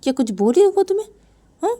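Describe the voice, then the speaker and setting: Brief: a middle-aged mother, coaxing and questioning, mellow tone, a woman narrator voicing her. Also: very high-pitched, sing-song, quick pace, voice pushed up.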